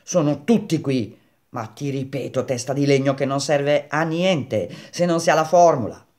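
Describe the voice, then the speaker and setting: A man's voice: a little high, moderate pace, a little mellow, lightly acted. A man reading a novel aloud, voicing an aging, blustering male perfumer who mocks and lectures. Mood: scornful. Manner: mocking, bellowing.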